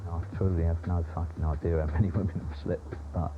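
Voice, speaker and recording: A man's voice: low voice, level tone, fast talker. A man in a documentary interview, boastful and blunt, swearing freely, heard off a worn VHS tape copy. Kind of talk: candid interview talk. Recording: dull worn tape copy with music behind.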